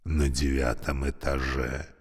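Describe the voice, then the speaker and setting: A man voicing an old, creaky, talking elevator, speaking slowly and courteously with a weary, sorrowful politeness. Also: rumbling low, flat delivery, long reverb tail, full character voice. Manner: slow, courteous, mournful.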